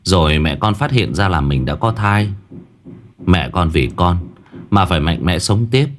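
A man's voice: sits low, lively intonation, measured pace, slight background noise. A man voicing an earnest young man who recounts his mother's story respectfully.

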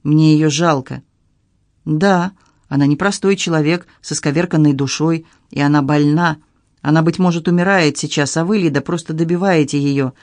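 A man's voice: fairly high pitch, fairly even intonation, normal speed, a little mellow, dry recording, lightly acted. Guy doing a flustered pitiful middle-aged husband, plaintive, dry close audiobook sound.

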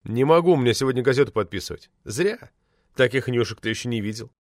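A touchy man with a wounded, coaxing tone, as a man reads him. The voice stays close to a plain reading, lively in pitch, dry in sound. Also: a little fast, dry recording, natural voice. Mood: sulky. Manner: sulky, insistent. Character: touchy man with a sharp little nose.

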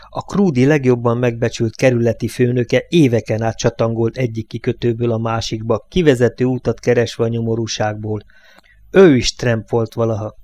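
A man reading a novel aloud as an audiobook narrator, with steady, measured storytelling. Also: mid-range voice, no room sound. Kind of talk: scripted literary narration.

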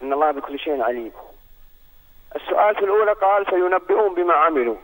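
A man from Saudi Arabia calling in by phone, asking a formal, courteous question and reciting verses in a measured way. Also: fairly high pitch, animated, a bit bright. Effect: heard over a phone line. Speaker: phone-in caller.

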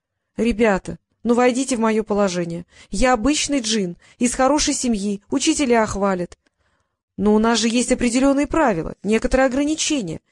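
A woman's voice: mid-range voice, fairly quick, a little mellow, lightly acted. A woman voicing a cunning, boastful male genie who turns flustered and wheedling, in an audiobook reading. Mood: pleading.

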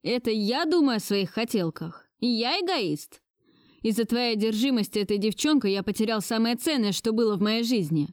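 A defiant young man, bitter and resolute, voiced by a woman in an audiobook. Her voice stays fairly high and plain, recorded close and dry. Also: animated, normal speed, no room sound, lightly acted. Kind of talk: audiobook dialogue reading.

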